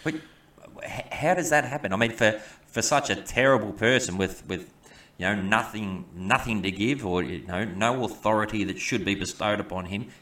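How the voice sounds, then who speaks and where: A man co-hosting a podcast, talking in halting bursts with many stammers and restarts. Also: lowish voice, bright, forceful tone. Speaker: podcast co-host. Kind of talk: opinionated podcast chat. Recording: echoey room, mic at a distance.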